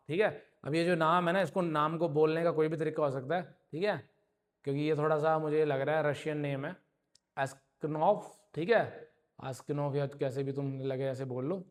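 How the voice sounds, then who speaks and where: A man teaching an English grammar lesson to a class, explaining patiently and often checking that students follow. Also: fairly high pitch. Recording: long reverb in a hall.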